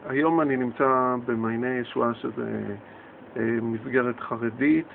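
A man's voice: mid-range voice, fairly even intonation, creaky, background noise. Stammering man on a tinny phone line. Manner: hesitant, stammering. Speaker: volunteer medical clown, guest. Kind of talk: radio interview.

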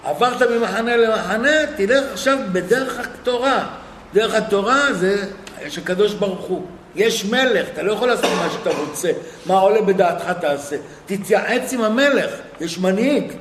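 A man preaching a sermon and retelling stories in animated fashion, acting out the dialogue. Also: sits high. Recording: echoey hall with faint noise.

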